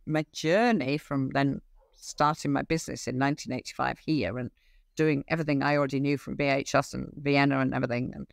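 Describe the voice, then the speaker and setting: A middle-aged woman, an equine behaviour expert, talking casually in an interview, animated and acting out little dialogues with frequent restarts. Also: rumbling low, brisk, creaky, no room sound. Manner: animated, acts out quoted dialogue, many restarts.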